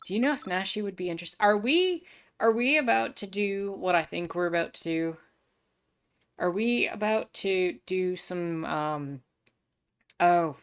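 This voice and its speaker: A woman's voice: fairly low pitch, measured pace, smooth. A woman streaming a game, chatting casually as she comments on the story and reads dialogue.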